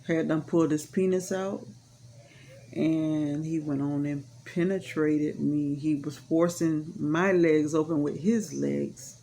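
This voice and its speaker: A woman's voice: deep voice, warm tone, a little hiss or hum. A woman telling a personal story in a casual, rambling way, frank and matter-of-fact, with many fillers. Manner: rambling, full of "you know" fillers; frank and matter-of-fact about hard events.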